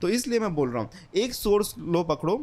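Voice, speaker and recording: Very animated and brisk, a young man with a high, darkish voice gives an earnest, informal English lesson that recommends a book. He repeats himself often and blends English words into Hindi.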